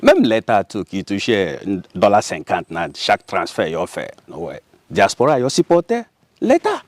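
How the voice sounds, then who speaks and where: Animated Haitian man with low voice. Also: a little slow, no room sound. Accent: Haitian Creole. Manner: animated, laughs often, mixes French and Creole. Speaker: guest. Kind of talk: casual interview.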